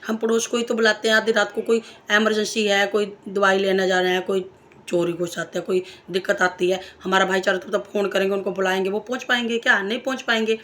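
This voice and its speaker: A woman speaks to her viewers in a casual, emphatic monologue. Her voice sits at a middling pitch. She drives her points home by repeating phrases and posing rhetorical questions, and she slips into stories from her own life. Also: flat delivery, brisk, fairly bright tone. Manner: tells personal anecdotes. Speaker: vlogger sharing opinions.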